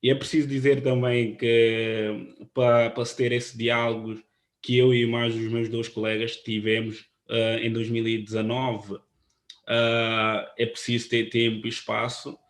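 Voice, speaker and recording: Guy from presenting at an online panel, earnest, pretty flat voice, lots of ahs. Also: medium pitch. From Guinea-Bissau. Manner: earnest, halting, with many fillers. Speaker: panel speaker, photographer.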